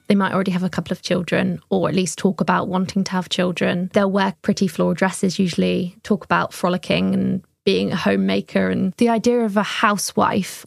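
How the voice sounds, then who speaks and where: Gravelly-voiced young woman. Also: mid-range voice, a little mellow, no echo, studio quality. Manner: thoughtful, reflective, occasional laughs. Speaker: culture writer, guest. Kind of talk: conversational podcast interview.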